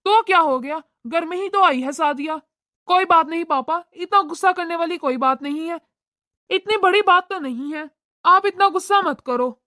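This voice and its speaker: This is a doting young brother in a cartoon, voiced by a woman. He keeps everyone calm in a very high, bright voice. The recording is dry and close. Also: normal speed, no echo. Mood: placating. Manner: soothing, placating. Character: easygoing young adult brother, doting on his sister.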